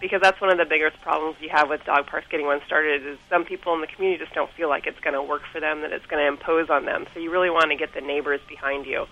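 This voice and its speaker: A woman's voice: deep voice, fairly even intonation, fast talker, hardly any pauses, highs cut off. A woman guest author explaining pet safety in a radio interview over the phone, chatty with some ums.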